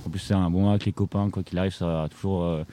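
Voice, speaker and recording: Teen boy guest, very low warm voice, thoughtful and easygoing. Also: fairly even intonation, very fast, slight background noise. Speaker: young guest.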